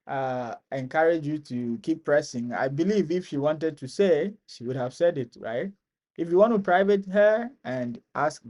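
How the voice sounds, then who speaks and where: A live stream host from Ghana with a Ghanaian accent, chatting casually with a guest, laughing often and teasing gently. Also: mid-range voice.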